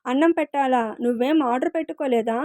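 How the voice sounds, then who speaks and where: A woman's voice: sits high, fast talker, dark tone, no echo, natural voice. A woman voicing a rude, mocking male house servant who answers back with sarcasm in a read-aloud story. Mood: scornful. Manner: scornful, sarcastic retorts.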